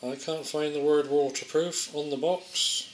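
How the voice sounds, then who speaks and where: Fairly high-pitched and steady in tone, the man keeps a measured pace as he tries out a gadget. It's a casual, unscripted demo where he thinks out loud hesitantly and understatedly, like an amateur product tester. The room echoes, with faint noise and occasional clicks.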